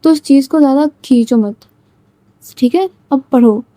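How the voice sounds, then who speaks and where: A woman's voice: high voice, moderate pace, warm tone, no room sound, natural voice. A woman voicing a strict young female teacher who scolds her student. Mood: stern. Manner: scolding, stern.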